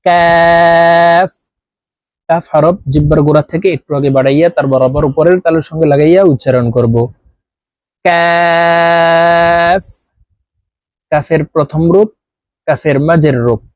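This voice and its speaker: A man with a Bangladeshi Bengali accent teaching Arabic letters slowly, one by one, with the letter names drawn out and chanted. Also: a little high, dark tone, no echo. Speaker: Quran teacher. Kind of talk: slow letter-by-letter lesson.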